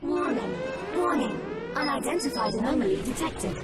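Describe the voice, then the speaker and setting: A woman's voice: high-pitched, big pitch swings, moderate pace, very noisy. A woman voicing an impersonal spaceship computer that gives clipped warnings in a video game. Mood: impassive warning. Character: emotionless female spaceship computer. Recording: loud music behind the voice.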